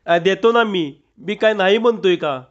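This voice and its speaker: A man's voice: high-pitched, a little slow, pitched above the performer's own voice. A man voicing a frightened, stammering village thief who pleads and whines. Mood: scared. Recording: dull lo-fi recording.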